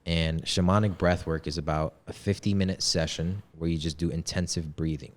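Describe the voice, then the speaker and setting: Young man with a very low voice, relaxed and slangy; a guest telling a candid story on a podcast. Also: normal speed. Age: 20s. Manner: slangy and candid, heavy on "yo" and "bro". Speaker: podcast guest, men's coach. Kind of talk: casual storytelling.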